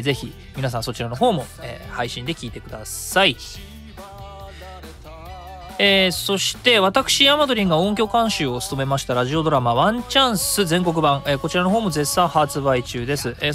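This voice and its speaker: A man hosts a solo web radio show in a casual, chatty style, often interrupting himself and thinking out loud. His voice is a little high and fairly bright, with music in the background.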